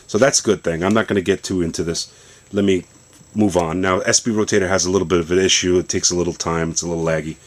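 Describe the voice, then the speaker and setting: Low-voiced man demoing tech gear. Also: quick pace. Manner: relaxed, explanatory, loosely rambling. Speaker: tech vlogger demonstrating a phone setup. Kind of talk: casual product demo. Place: home basement.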